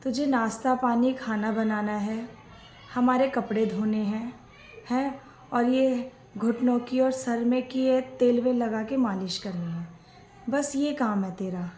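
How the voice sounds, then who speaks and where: A woman's voice: fairly high pitch, steady tone, measured pace, darkish tone, echoey room, slight background noise. A woman acting out a scripted family skit, playing both a mother-in-law and a daughter-in-law.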